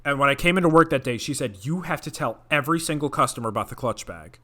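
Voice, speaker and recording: A young man co-hosting a podcast, telling a story in casual chat, animated and swearing often. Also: medium pitch, quick pace. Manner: animated, swears a lot, acts out quoted voices. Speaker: podcast co-host.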